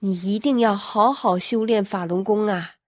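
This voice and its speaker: A woman voicing a solemn father who speaks slowly and deliberately, read within a spoken story. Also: medium pitch, no room sound, clean studio sound, natural voice. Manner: slow and deliberate.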